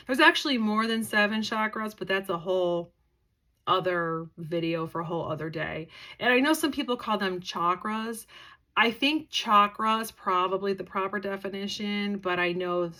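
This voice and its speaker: A chatty young woman talks to camera in a loose, rambling way, full of fillers and side tangents. She sounds tired and lets yawns slip in. Her pitch sits in an ordinary middle range for a woman. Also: bright, forceful tone. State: tired, yawning. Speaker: psychic medium and crystal vlogger. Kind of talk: casual rambling talk to camera.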